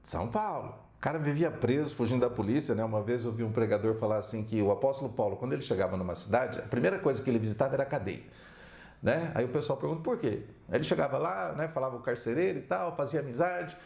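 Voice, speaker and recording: A man giving an animated storytelling talk as a counselor, often tagging his lines with "né?". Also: mid-range voice, fast, creaky. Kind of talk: storytelling talk with religious examples. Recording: roomy echo.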